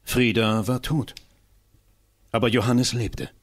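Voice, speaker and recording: A man's voice: medium pitch, fairly even intonation, slow. A man reading literary prose aloud in a staged reading, telling it dramatically and expressively. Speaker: reader.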